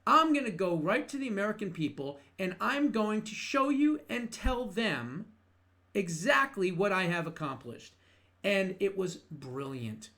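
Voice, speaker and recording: A man's voice: high voice, expressive, measured pace, sharp tone. A middle-aged man hosting a political commentary show, talking in an emphatic, sarcastic way with mocking rhetorical questions.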